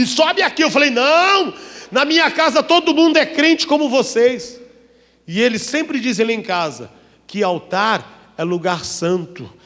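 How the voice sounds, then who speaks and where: A Brazilian man, a pastor, preaching a dramatic testimony sermon, acting out voices and swinging from hushed to loud. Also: high-pitched, long reverb tail. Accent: Brazilian Portuguese. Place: church.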